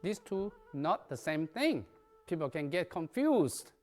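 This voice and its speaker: A man's voice: on the high side, big pitch swings, measured pace. A man, a native Chinese speaker, teaching a qigong lesson in emphatic, non-native English that drops articles and verbs. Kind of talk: lecture.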